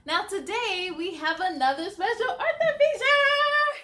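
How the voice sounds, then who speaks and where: A woman leads a children's story time, reading a picture book aloud in an expressive, sing-song manner and chatting with the young listeners. Her voice is very high-pitched and a little slow.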